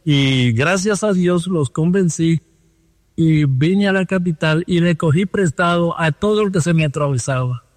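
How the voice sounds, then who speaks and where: A man's voice: on the high side, measured pace, no echo, big-room sound. A man with a Dominican accent, a guest telling his life story earnestly over a phone line. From Dominican Republic.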